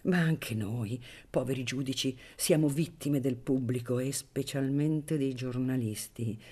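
A woman's voice: a bass voice, measured pace, mellow, husky, exaggerated voice. A woman voicing an affable, plump middle-aged male judge who chats in a bantering, confiding way, in a radio reading of a novel.

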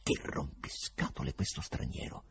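A man's voice: medium pitch, huge pitch swings, takes it slowly, pitched above the performer's own voice, full character voice. A man voicing an irritable young poet who mutters his thoughts, in a radio reading of a novel. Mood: grumbling. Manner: muttering, gruff. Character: irritable young male poet, sullen, grumbling.

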